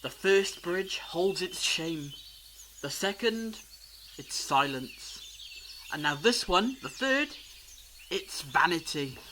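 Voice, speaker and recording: A man's voice: sits high, animated, slow pace, long pauses, sharp tone, a little hiss or hum, full character voice. A man playing a clever, theatrical, reassuring alien time traveller in a fan audio drama, explaining things eloquently. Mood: explaining, satisfied.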